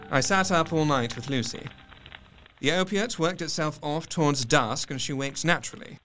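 An actor playing an earnest, observant male doctor narrating his diary in an audio drama, articulate and measured. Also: fairly high pitch, sharp tone, faint music behind, poor audio. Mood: weary, watchful. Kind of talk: scripted first-person narration, audio drama.

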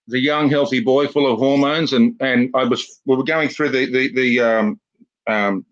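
A man's voice: mid-range voice, a bit bright. An Australian man in casual chat, telling stories in a wry, grumbling way. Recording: slightly muffled recording.

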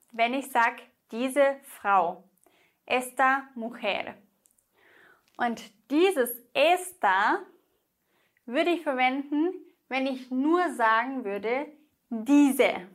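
A woman with a high voice teaches Spanish grammar, talking straight to the viewer. She goes slowly and carefully, stretching out each example word so it is easy to follow. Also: a bit bright. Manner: slow, careful explanations with drawn-out example words; talks directly to the viewer. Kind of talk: explaining Spanish grammar in German.

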